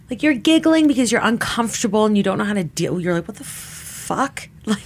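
A Canadian woman in her thirties giving personal testimony in a casual, filler-heavy way, often quoting herself. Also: mid-range voice. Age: 30s. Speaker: interviewee.

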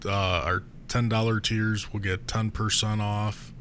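A man co-hosting a podcast in casual, sweary chat, sounding rough and sick with flu. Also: fairly low pitch, flat delivery, a little slow, fairly bright tone. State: rough, under the weather with flu. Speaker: podcast co-host. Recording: noticeable background noise.

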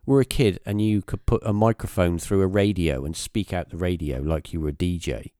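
Man, podcast host, very low voice, dry close sound, rambling chatty storytelling. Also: a little fast, warm tone, no echo. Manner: rambling, hesitant, many fillers and restarts. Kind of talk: casual conversational storytelling.

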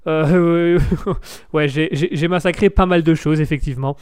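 A man's voice: a little high, steady tone, unhurried, a little mellow, smooth, dry recording, studio quality. A tired male host of a live show, commenting jokingly on odd news stories, rambling and stumbling over his words before correcting himself.

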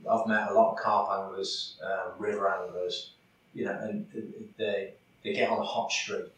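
This man's voice sits on the low side yet has a fairly bright tone, level and moderately paced, as he chats casually about angling on a podcast with plenty of fillers. The audio is roomy and echoey, captured far from the mic, with faint noise behind him.

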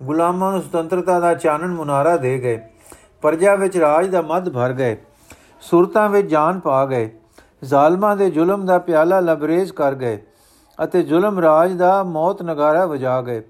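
A man's voice: a little high, moderate pace. A man narrating a devotional story in a rhythmic, declamatory style.

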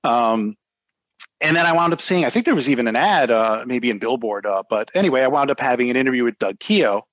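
A man's voice: mid-range voice, lively intonation, a little fast, a bit bright, dry recording. Middle-aged American man, dull dry recording. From United States. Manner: rambling, frequent "you know". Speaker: interview guest, music industry lawyer. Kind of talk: casual reminiscing conversation.

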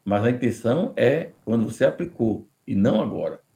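Brazilian guy w a gravelly mellow voice, slow careful explainer, keeps restarting words. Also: medium pitch, very animated. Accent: Brazilian Portuguese. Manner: measured, deliberate, with frequent restarts. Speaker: immigration expert answering audience questions. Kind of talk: explanatory live podcast answers.

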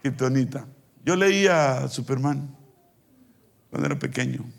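A male preacher delivering a sermon, leading call-and-response with the congregation and acting out scripture with shouted peaks. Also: mid-range voice, unhurried, vocal fry.

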